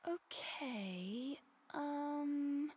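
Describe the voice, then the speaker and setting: A woman's voice: high-pitched, extremely slow, darkish tone. An actress voicing a timid, curious young girl witch who stammers hesitantly. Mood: nervous.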